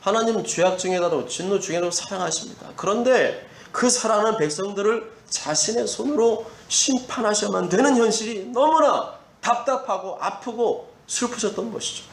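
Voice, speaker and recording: A man's voice: sits high, normal speed, creaky, hardly any pauses. A male pastor preaching a Sunday sermon, building his points through emphatic repetition. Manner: preaching with emphatic repetition, acting out quoted parents. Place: church sanctuary. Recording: echoey church hall, faint ambience.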